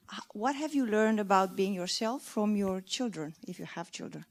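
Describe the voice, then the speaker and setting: A woman's voice: mid-range voice, darkish tone. A woman author in the audience, asking a question with hesitant fillers.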